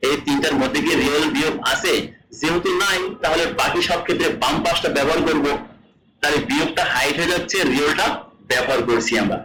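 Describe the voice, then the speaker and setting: A man's voice: fairly high pitch, reverberant, poor audio. A man from Bangladesh teaching a language lesson, repeating each rule and quizzing his students as he explains. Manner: repeats rules and asks the class questions.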